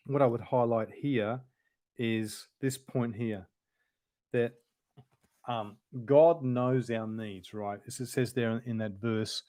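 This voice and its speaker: A man's voice: medium pitch, fairly even intonation, slow, dark tone, no room sound. A man presenting a Bible study lesson in an informal, explanatory way, thinking aloud as he goes. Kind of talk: conversational Bible study teaching.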